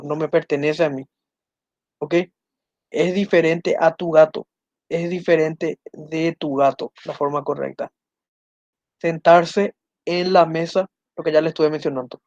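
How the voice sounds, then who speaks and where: A man teaching an online grammar lesson. He slows down to read out correct and incorrect phrases and keeps asking his listeners whether they follow. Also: on the high side, a little mellow, dry recording, muffled recording. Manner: often checks in with listeners, asking ¿verdad?.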